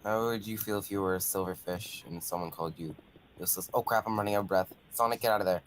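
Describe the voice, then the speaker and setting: Low-voice dude gaming with his friend, teasing him and cracking jokes, bit of hiss. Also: quick pace, rough recording. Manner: joking, teasing, playful asides. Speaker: co-streamer friend. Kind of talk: casual chat while gaming.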